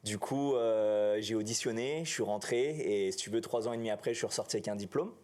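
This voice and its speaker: A man, talking casually as an actor guest, relaxed and full of fillers. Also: on the low side, fast talker. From New Caledonia. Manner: relaxed, chatty, many fillers like "si tu veux" and "quoi". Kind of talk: casual interview chat.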